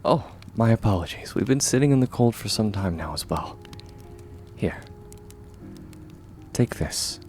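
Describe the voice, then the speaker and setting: This time the man's kind, steadfast young warrior in the comfort ASMR roleplay sounds apologetic and caring, expressive in a fairly low pitch. He still speaks gently and reassuringly, measured and often hushed, with faint music behind.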